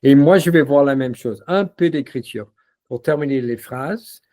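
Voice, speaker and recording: A man demoing a language-learning platform in a casual walkthrough, relaxed and full of fillers. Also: mid-range voice, moderate pace. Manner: relaxed, repeats words, many fillers.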